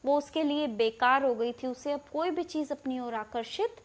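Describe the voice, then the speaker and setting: A woman's voice: sits high, moderate pace. A woman English teacher with an Indian accent, reading a story line by line in English and then explaining each line in Hindi.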